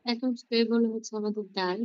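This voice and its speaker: A woman's voice: a little high, steady tone, racing, no echo, lo-fi sound. A woman student answering a teacher's questions in an online class with short replies.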